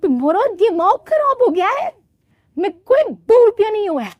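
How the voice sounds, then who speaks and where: A woman voicing a brash, fashion-proud young daughter-in-law in a cartoon story, high-pitched and indignant. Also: big pitch swings, normal speed, dry recording, muffled recording.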